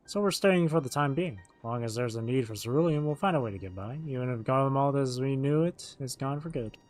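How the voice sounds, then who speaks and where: A man's voice: medium pitch, animated, fairly quick. Man reading game dialogue aloud over music. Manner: acts out the written dialogue as they read. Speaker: game streamer.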